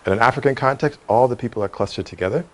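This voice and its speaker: A middle-aged American executive from Cleveland speaks in a rapid-fire, medium-pitched voice during a conversational interview about real estate. He comes across as articulate and earnest, with an American accent.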